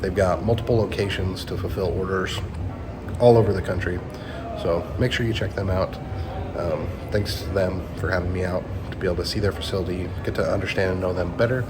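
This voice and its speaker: A man's voice: low voice, steady tone, quick pace, background noise. A man casually presenting an upbeat, informal walking tour vlog as the host, inside a warehouse. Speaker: host of a video channel. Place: warehouse facility, indoors. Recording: music bed over the voice. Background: loud background music.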